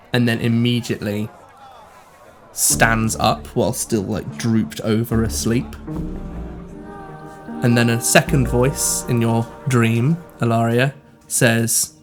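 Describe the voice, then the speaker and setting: A man narrating as game master of a tabletop game, describing scenes in a measured way with the odd hesitant filler. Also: mid-range voice.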